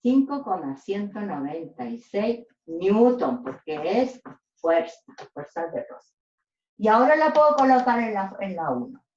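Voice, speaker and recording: Lady doing a physics lesson, slow and animated, keeps asking "ya?", roomy echo, muffled audio. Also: medium pitch. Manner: checks in with "¿ya?" after each step. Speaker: physics teacher. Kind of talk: whiteboard lesson. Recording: echoey room, dull lo-fi sound.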